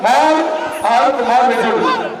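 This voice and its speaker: High-voiced man over a loudspeaker. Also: very animated, moderate pace. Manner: loud, repetitive cheering calls. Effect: voice heard through a public-address loudspeaker. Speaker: event announcer. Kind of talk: live event commentary calling out prizes. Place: outdoor bull-taming arena. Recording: echoing loudspeaker heard from far off over a loud crowd.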